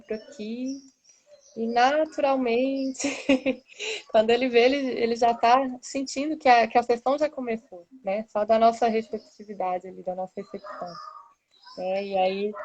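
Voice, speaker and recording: A woman's voice: a little high, lo-fi sound, a little hiss or hum. A woman, a massage therapist, talking casually and reflectively on a live video call, often tagging "né?". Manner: conversational, frequent "né?", soft laughs.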